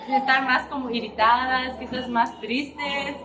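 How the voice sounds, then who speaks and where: High-voiced woman preaching in an echoey hall. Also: fairly even intonation, unhurried. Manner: chatty, emotional, frequent tag questions. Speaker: preacher at a women's gathering. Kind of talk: informal sermon. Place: church hall. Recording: echoey church hall, distant mic, background noise.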